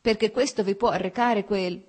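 A woman's voice: mid-range voice, steady tone, moderate pace, darkish tone, voice pushed up, lightly acted. A woman reading aloud, voicing a young nobleman officer who speaks in a pleading yet guarded way. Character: tense young nobleman officer, restrained and cold.

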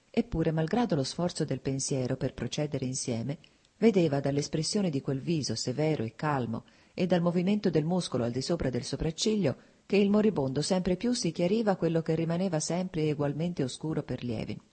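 An audiobook narrator gives a measured, even reading of a classic novel. The voice is mellow and dark, with a husky, breathy edge. The pitch sits in a middle range.

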